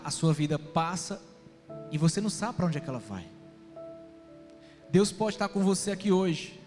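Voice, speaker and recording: High-voiced Brazilian preacher in a hall. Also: male voice. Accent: Brazilian Portuguese. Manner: emphatic, stretches words, sudden swings in loudness. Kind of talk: sermon. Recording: long hall reverb with faint music.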